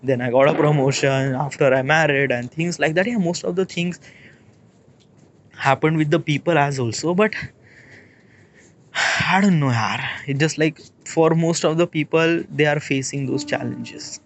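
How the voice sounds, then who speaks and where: A man in his late twenties with an Indian English accent, thinking aloud in a rambling, halting monologue and checking in with "okay?" as he goes. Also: fairly high pitch. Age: 20s. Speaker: vlogger. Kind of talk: casual reflective monologue.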